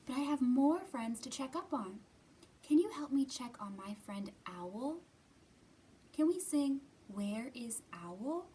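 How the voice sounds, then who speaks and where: Indoors at a library, a woman leads children's storytime with reading, puppets and a sing-along. Her high, dark-toned voice is animated but unhurried, and she uses simple, encouraging words pitched at young children.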